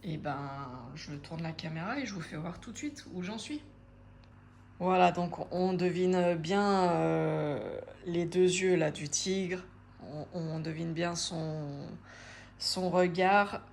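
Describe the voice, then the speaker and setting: Slow-talking woman chatting about crafts. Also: lowish voice, darkish tone, slight background noise. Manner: chatty, hesitant with frequent pauses and fillers. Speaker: craft vlogger. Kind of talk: casual chat to camera.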